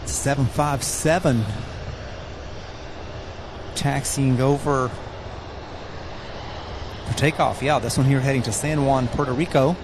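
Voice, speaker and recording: Male plane spotting host, folksy casual commentary, mid-pitched, noisy outdoor airfield sound. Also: steady tone, slow pace, long pauses.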